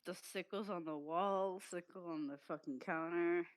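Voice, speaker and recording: A woman chatting excitedly during a game, swearing freely. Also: lowish voice, normal speed. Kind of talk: casual gaming chat.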